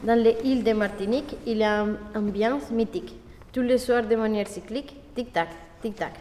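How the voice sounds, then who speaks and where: A woman's voice: fairly high pitch, fairly even intonation, brisk, warm tone. A woman giving a rhythmic poem recitation, chanting a repeated refrain in time. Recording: echoey hall from far off.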